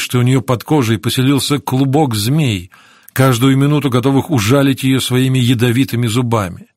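A man narrating a novel as an audiobook in a measured, even reading on a close studio mic. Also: medium pitch, no echo. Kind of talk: scripted narration.

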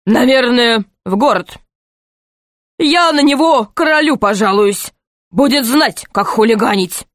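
A woman's voice: on the high side, lively intonation, a little slow, no echo, studio quality. A woman voicing a pompous, boastful middle-aged knight, a marquis, who speaks in a grand, self-important way.

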